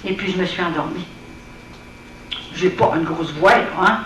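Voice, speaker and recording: A woman's voice: fairly low pitch, normal speed, fairly bright tone. A woman with a Quebec French accent giving an earnest, plain-spoken personal testimony to an audience at a prayer evening. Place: hall at an evening gathering. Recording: echoey room, voice from far off, faint hiss.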